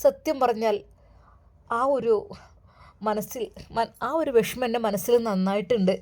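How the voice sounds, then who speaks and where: A woman narrating a dramatic story in an expressive, emphatic way. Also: fairly high pitch, measured pace.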